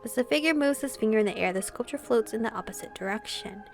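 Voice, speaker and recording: Over game music, a woman streamer reads a visual novel's narration and reacts with plenty of expression. She talks fast, and her voice sits on the high side, animated and gravelly.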